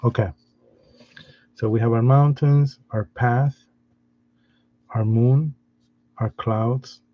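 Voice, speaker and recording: A man giving a step-by-step drawing lesson in a patient, soft-spoken way, often restarting his sentences. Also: medium pitch, fairly even intonation, takes it slowly, lo-fi sound. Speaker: art teacher.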